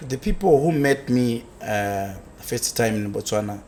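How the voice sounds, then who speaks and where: A South African man who founded a construction business tells his life story as an interview guest, speaking haltingly with lots of fillers and repeated words. His medium-pitched voice is lively in intonation and a little mellow, with a slight hiss or hum.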